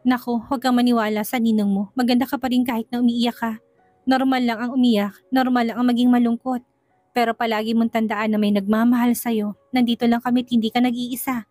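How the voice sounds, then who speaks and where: A woman's voice: a little high, level tone, brisk, darkish tone, dry recording, faint music behind, close to an everyday voice. Woman playing a soothing mother. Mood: comforting. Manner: soothing and reassuring. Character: warm, comforting mother figure.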